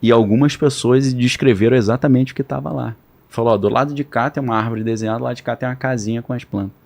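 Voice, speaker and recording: Brazilian man explaining in a relaxed way. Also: medium pitch, fast, gravelly. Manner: relaxed, explains with slang and analogies. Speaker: pastor and podcast guest. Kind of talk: casual podcast conversation.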